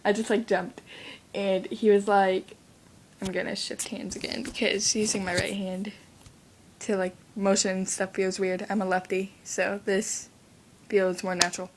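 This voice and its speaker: A woman's voice: medium pitch, little pitch movement, measured pace, slight background noise. A teenage girl telling a rambling story to camera in a casual vlog, near tears and full of fillers, filmed on a handheld device. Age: teens. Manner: rambling, sidetracked, many fillers. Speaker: vlogger.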